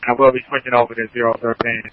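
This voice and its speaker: A man's voice: mid-range voice, flat delivery, racing, no room sound. Man on an emergency crew talking on a walkie talkie, muffled radio, plain mid voice. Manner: matter-of-fact, with hesitant fillers. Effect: over a two-way radio. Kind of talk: radio field reports.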